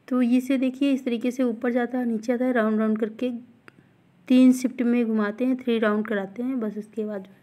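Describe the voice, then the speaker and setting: In this casual vlog voice-over, a woman around her thirties speaks to her viewers in a soft, mellow, fairly high voice. The melody stays flat, and she's chatty and repetitive, often going back over what she already said.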